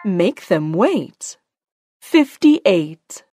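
Very slow, lilting female bingo caller. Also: on the low side, big pitch swings, dark tone, husky. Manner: deliberate, announcing in short separate phrases. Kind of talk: bingo calling with rhyming nicknames, announced number by number. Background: music.

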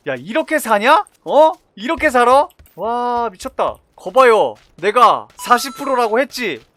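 A man streaming a battle game, chatting casually with viewers in a playful, boastful, teasing way and breaking into sudden shouts. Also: very high-pitched, sing-song, slow pace, no room sound. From Korea. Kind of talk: casual gameplay commentary.

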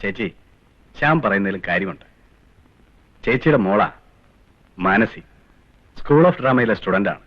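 An actor playing a brisk, matter-of-fact security officer. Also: male voice, fairly low pitch, animated. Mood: explaining. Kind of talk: 1990s film dialogue. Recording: dull lo-fi film soundtrack.

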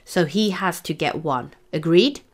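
A woman's voice: low voice, unhurried. A woman voicing an eager, impatient schoolboy who presses his friends with questions. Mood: firm.

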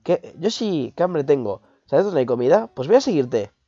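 A friendly, hungry little baby dinosaur, put on by a man who sounds hoarse from a cold and chatters playfully. His voice swoops up and down, and the dull, lo-fi stream audio carries faint game music behind him. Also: fairly high pitch, sing-song, normal speed, dark tone, no room sound. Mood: cheerful.

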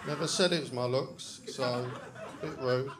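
A middle-aged man with a London accent doing a deadpan, self-deprecating stand-up set on a club stage, speaking into a handheld mic. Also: medium pitch, moderate pace, over a noisy crowd, very noisy. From England. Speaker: stand-up comedian. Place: comedy club stage with a live audience. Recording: loud audience laughter in a club.

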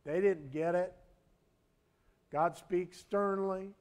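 A male pastor preaching a live sermon, telling a story earnestly with many restarts and building to loud, emphatic passages. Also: sits high, steady tone, takes it slowly. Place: church sanctuary.

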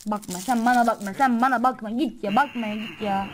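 A woman's voice: fairly high pitch, steady tone, brisk, slight background noise, poor audio. A woman hosting a channel, giving frightened, pleading let's-play commentary on a horror game and swearing often. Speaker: gamer and channel host.

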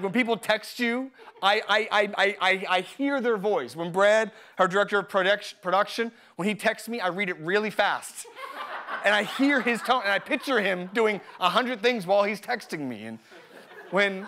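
A male pastor preaching a live church sermon, energetic and joking, repeating his key phrases for emphasis. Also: sits high. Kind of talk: live sermon with personal stories. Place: church service.

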